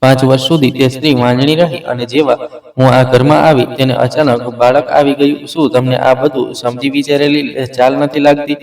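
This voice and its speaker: A man's voice: mid-range voice, flat delivery, normal speed, darkish tone, close to an everyday voice. A man doing a sly, sugary scheming mistress. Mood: taunting. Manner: sugary, taunting and manipulative. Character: scheming, sly young mistress with a poisonous sweetness. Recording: roomy, distant mic.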